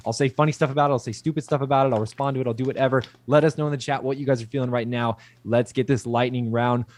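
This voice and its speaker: Male livestream co-host, rapid-fire crypto-bro hype, slangy and casual, mid-range pitch. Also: fairly even intonation, a little mellow, no echo. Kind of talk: casual hype livestream chat, reading out viewer comments.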